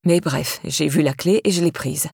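A woman reading an audiobook, voicing an unsettling heavyset woman who speaks in a flat, neutral voice. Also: normal speed, gravelly, breathy edge, dry recording, clean studio sound, exaggerated voice. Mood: cold. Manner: toneless, low and neutral.

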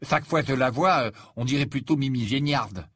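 A man's voice: medium pitch, fairly quick, fairly bright tone, breathy edge. A man voicing a sarcastic, dismissive teenage boy in a storybook reading.

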